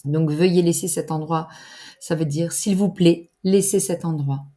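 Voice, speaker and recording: Woman, unhurried language teacher, precise diction. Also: fairly low pitch, steady tone, mellow. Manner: deliberate, articulated teacher's delivery with pauses for exercises. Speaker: French teacher. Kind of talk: slow, clear grammar lesson.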